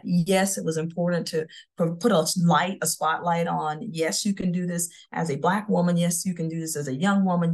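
A woman's voice: lowish voice, darkish tone. A middle-aged woman from Florida, telling her career story with confidence in a podcast interview. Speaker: guest, CEO.

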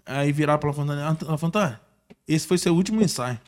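A middle-aged man, a former music teacher telling an animated story on a casual podcast and acting out other people's lines. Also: a little high, fast.

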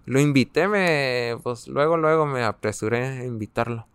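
A man's voice: medium pitch, moderate pace, a bit bright, clear, resonant tone, dry recording. A young man with a Mexican Spanish accent, a guest telling his personal story in an interview, hesitant and full of fillers as he searches for words.

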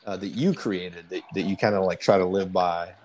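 A man's voice: low-pitched, fairly even intonation, normal speed, background noise. A man in his forties hosting a casual interview, chatty and rambling with asides as he asks questions. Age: 40s. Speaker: podcast host.

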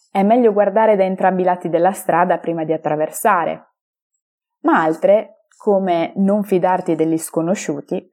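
A woman giving scripted motivational narration and guided meditation, measured and instructive, speaking directly to the listener. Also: lowish voice, warm tone. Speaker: self-help guide and meditation teacher.

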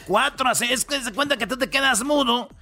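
A man's voice: extremely high pitch, fast talker, sharp tone. A man hosting a comedic radio countdown, full of slang and punchlines. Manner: joking, slangy, punchline-driven. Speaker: radio show host.

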